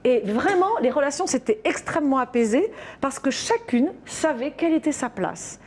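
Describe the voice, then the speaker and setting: A woman's voice: high voice, normal speed. A woman parenting coach, animatedly telling an anecdote in an interview and acting out the dialogue. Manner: animated storyteller, acts out dialogue, many fillers.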